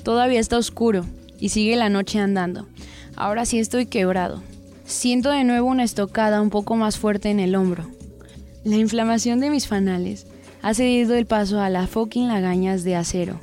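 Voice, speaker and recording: Woman narrator, dramatic story reading, crude slang, mid-range pitch. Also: a little mellow, soft background music. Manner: crude slang, gritty and unhurried.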